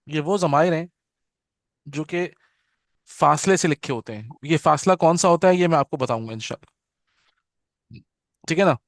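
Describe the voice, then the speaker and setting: Guy teaching a grammar lesson, slightly high voice, dry close sound, says every term twice, checks in a lot. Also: no echo. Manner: patient, repeats terms slowly with frequent "theek hai na" check-ins; leads students in call-and-response repetition. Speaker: Arabic teacher.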